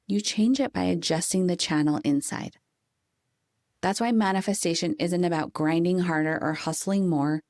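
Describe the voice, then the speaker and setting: A woman hosting a podcast, giving a calm, coaching motivational talk with deliberate, slowed emphasis. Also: on the low side, no echo, studio quality. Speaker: podcast host. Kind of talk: scripted motivational monologue.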